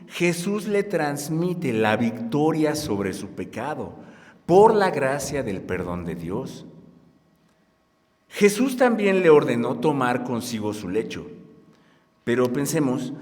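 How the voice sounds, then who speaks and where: Male pastor preaching slow, voice goes up and down a lot, big echoey hall. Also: mid-range voice. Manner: slow, lively preaching with strong rises in loudness; leads the congregation in reading aloud. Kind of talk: sermon. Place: church hall at a conference. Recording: long hall reverb.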